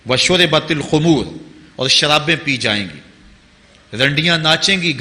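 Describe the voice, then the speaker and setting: A man's voice: on the high side, pushed and bright. Impassioned preacher man in an echoing hall. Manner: impassioned, rising to emphatic peaks, chanting Arabic quotations slowly. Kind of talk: Urdu religious sermon. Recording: long hall reverb.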